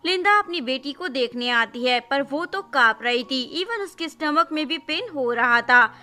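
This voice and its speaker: A woman narrating a drama recap in a brisk, plain storytelling style, mixing English words into Hindi. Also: high voice, animated, pushed and bright.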